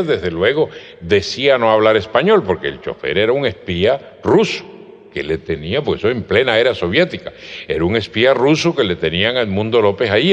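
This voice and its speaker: A man in his sixties with a Colombian Caribbean coastal accent, telling anecdotes slowly at a cultural gathering and spelling words out. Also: medium pitch. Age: 60s. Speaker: storyteller guest. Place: cultural event venue. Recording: dull lo-fi recording in a reverberant hall.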